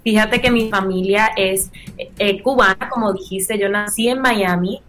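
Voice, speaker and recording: A young woman from Puerto Rico speaks in a steady, mid-range, fairly bright voice, a little slowly, with slight background noise. She has a Puerto Rican accent, English is her first language, and she talks earnestly and expressively as a singer-songwriter guest in a casual radio interview.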